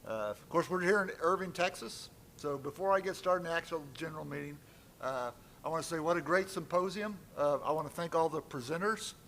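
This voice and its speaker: A man's voice: on the high side, fairly quick, a bit bright, a little hiss or hum. Friendly man addressing a meeting. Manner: friendly, lightly joking, off-the-cuff. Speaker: presenter opening a members' meeting. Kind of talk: public address at a conference. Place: conference meeting room.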